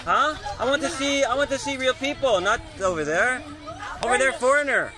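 Speaking quickly in a very high voice, this middle-aged travel vlogger from Canada wanders through a bustling village, trading short, simple lines with locals. The casual walking chat is captured outdoors on a body-worn or handheld action camera, with crowd and street sounds all around.

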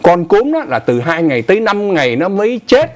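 An older man co-hosts a casual morning news program, his pitch swinging lively up and down as he explains. He talks in a chatty, conversational way, stopping for asides, and his voice comes through clean on a lapel mic in a TV studio. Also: a little fast. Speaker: news show co-host.

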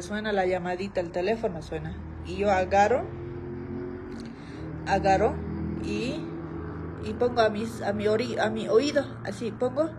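A young woman chats straight to her followers in a casual vlog, looping back over her own phrases as the story builds. Her voice sits at an ordinary middle pitch, with a faint hiss behind it. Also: darkish tone, rough recording. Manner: chatty, repeats phrases, keeps addressing viewers. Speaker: vlogger.

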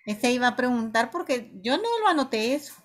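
A woman student in an online class, quickly explaining what she missed. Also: on the high side, animated.

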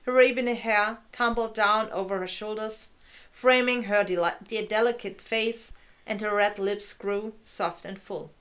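A woman narrating a fairy tale as a storyteller, in a gentle, unhurried read-aloud manner. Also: medium pitch, steady tone.

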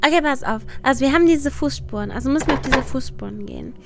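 A woman's voice: high voice, lively intonation, fast talker, creaky, noisy background. A young woman streamer with a cute anime-streamer manner, chatting casually while playing a game.

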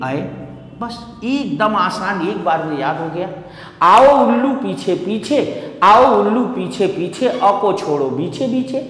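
A man's voice: sits high, a bit bright. A man teaching an online exam coaching class. He explains step by step, repeats memory rhymes and asks his students questions. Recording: echoey classroom reverb.

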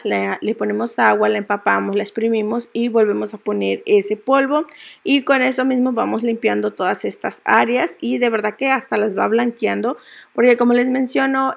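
A young adult woman narrating a cleaning how-to as a vlogger, explaining each step calmly with frequent filler words. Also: fairly high pitch, vocal fry.

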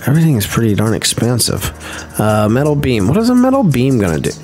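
A man's voice: mid-range voice, huge pitch swings, fast talker, dark tone, faint music behind. A man hosting a gaming channel, giving chatty, playful let's-play commentary in a slangy, easygoing way and humming to himself as he plays.

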